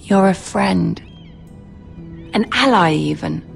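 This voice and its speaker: Commanding young noble lady, game drama; unhurried, measured, imperious. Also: on the low side, animated, gravelly, faint music behind, exaggerated voice. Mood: wistful. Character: poised, commanding young noble lady, betrothed future queen. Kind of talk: dramatic video game acting.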